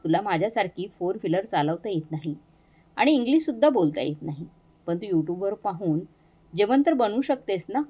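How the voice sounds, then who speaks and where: A woman's voice: mid-range voice, expressive, moderate pace, slightly rough, lo-fi sound. A woman voicing a bossy, condescending young wife who scolds her sister-in-law in a storybook reading.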